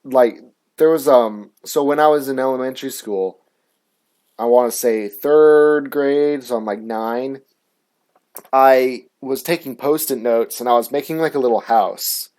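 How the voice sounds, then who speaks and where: A man's voice: mid-range voice, a little slow, a little mellow. Young man ranting, profane and aggrieved. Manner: profane, filler-heavy, aggrieved. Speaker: show host. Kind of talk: casual storytelling rant.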